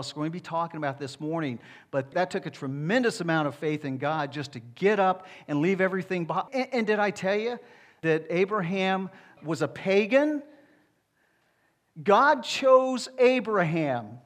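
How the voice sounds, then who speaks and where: A man's voice: on the high side, normal speed. A middle-aged man, a pastor, preaching a conversational sermon with rhetorical asides to the congregation.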